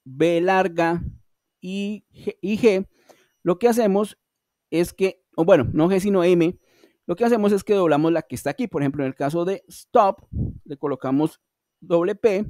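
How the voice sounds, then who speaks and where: A man's voice: high-pitched, normal speed, dark tone, no echo, studio quality. A man teaching an online English class, explaining rules patiently and speaking directly to his students, with Spanish as his first language.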